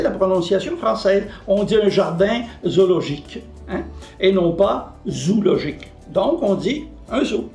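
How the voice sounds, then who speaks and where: A man's voice: high voice, darkish tone, reverberant. A man giving a short lesson on correct word usage, explaining with examples and answering his own questions. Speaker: French language columnist.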